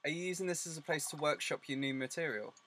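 A man with a fairly high voice runs a casual interview. He puts questions in a chatty way, with dry, teasing humour. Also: fast, sharp tone, no echo. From Essex, England. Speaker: interviewer, host.

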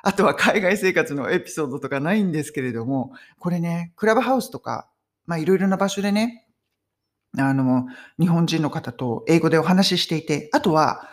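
Lively woman teaching English conversation. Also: sits low, fairly quick. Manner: lively, emphatic, friendly teaching tone. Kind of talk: casual video lesson. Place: home in London.

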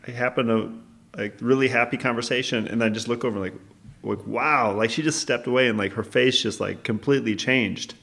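Gravelly young man, rambling chat. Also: mid-range voice, brisk, a bit bright. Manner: rambling, hesitant, many restarts. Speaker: podcast co-host. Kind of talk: casual chat.

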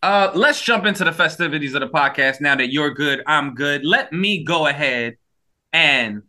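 Casual male co-host, slightly high, bright voice, loose rambling delivery, a little high. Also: lively intonation, moderate pace. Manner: laid-back, rambling, swears casually. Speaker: podcast co-host. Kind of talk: casual podcast chat.

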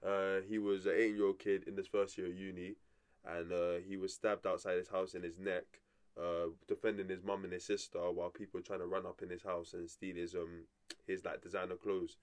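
Low-pitched young London roadman. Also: level tone, a little fast. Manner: slang-heavy, repeats phrases for emphasis. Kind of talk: casual group discussion.

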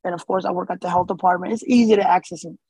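A man's voice: sits high, steady tone, very fast, a little mellow, slightly rough, dry recording, rough recording. A man born in Somalia and raised in the US, speaking as an interview guest in a casual, hesitant way with many fillers and restarts. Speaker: interview guest, community organizer.

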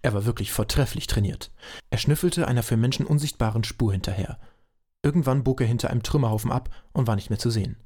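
Mellow-voiced male storyteller. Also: medium pitch, fast talker, husky. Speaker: narrator. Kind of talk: scripted audio drama narration.

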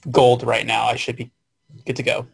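A man's voice: mid-range voice, completely flat delivery, moderate pace, creaky, slight background noise. A man who is a musician guesting on a podcast, chatting casually and laid-back, laughing easily. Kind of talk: casual chat.

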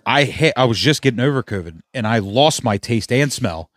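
A man with a middle-pitched voice leads a casual beer-tasting chat. He rants heatedly and swears freely, hammering his points home. The sound is dry and close, with almost no room echo. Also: expressive, moderate pace, a bit bright. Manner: heated, profane, emphatic ranting. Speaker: podcast host.

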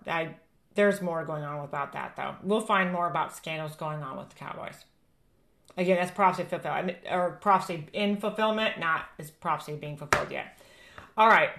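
Casting: American woman, medium pitch, prophecy presenter who reads aloud and comments in an emphatic, admonishing manner. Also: a bit bright. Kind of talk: informal religious prophecy commentary, alternating reading aloud with asides.

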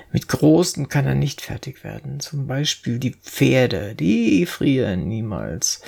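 A reader voicing a streetwise, bossy poor boy in a gravelly, breathy storybook voice. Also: medium pitch, heavily acted. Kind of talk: audiobook character voice.

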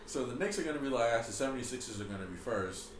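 A man co-hosting a podcast, talking sports in an animated, teasing way and quick to laugh. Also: medium pitch. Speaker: podcast co-host. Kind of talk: casual sports chat. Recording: echoey room, faint background hiss.

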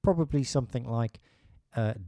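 Warm-toned British man in casual chat. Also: medium pitch, moderate pace, no room sound. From Britain. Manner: hesitant, many restarts and fillers. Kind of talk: casual podcast conversation.

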